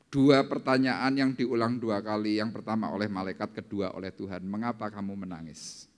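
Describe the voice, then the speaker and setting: A male pastor preaching a sermon, slowing down and lifting his voice dramatically when he reads scripture. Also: fairly even intonation. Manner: dramatic, slowing down and rising in pitch for scripture quotes. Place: church service hall. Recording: long hall reverb in a church.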